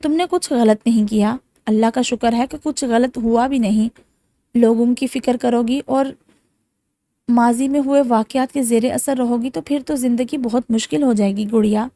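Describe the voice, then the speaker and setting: A woman's voice: on the high side, no echo, natural voice. A woman voicing a young man who speaks firmly but lovingly to his younger sister in an audiobook. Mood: firm, affectionate. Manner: firm then gentle. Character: caring older brother, young man, firm but affectionate.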